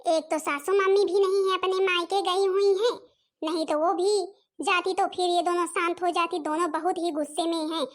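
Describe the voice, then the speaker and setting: A woman's voice: extremely high pitch, steady tone, normal speed. A woman voicing a fretting elder sister-in-law. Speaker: narrator figure addressing viewers. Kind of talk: Hindi cartoon voice acting.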